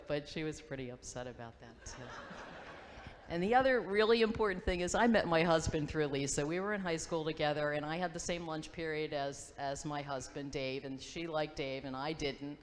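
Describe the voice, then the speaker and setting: Low-voiced woman in a reverberant hall. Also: slight background noise. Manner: halting, reminiscing, acts out quoted voices. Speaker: memorial speaker, old friend. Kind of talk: memorial tribute, storytelling. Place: school auditorium. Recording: long hall reverb, faint ambience.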